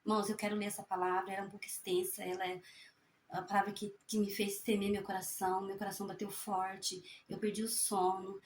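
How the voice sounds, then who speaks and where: A woman's voice: mid-range voice, flat delivery, reverberant, slight background noise. A woman giving a fervent spoken testimony and then reading scripture aloud. She speaks in a folksy way, tags her sentences with little questions, and stumbles and corrects herself as she reads. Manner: halting reading with self-corrections. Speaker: evangelical preacher sharing a prophecy.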